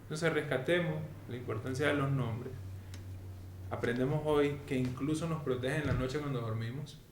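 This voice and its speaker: A man's voice: mid-range voice, moderate pace. A man teaching a weekly Torah lesson in a didactic way, often checking that his listeners follow. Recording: echoey room with faint noise.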